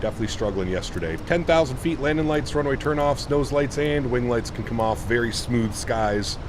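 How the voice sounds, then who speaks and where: A man hosting a casual flight-sim livestream, chatting in a laid-back way and making pilot callouts. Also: a little fast. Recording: loud steady aircraft cockpit rumble. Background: simulated jet engine and cockpit noise.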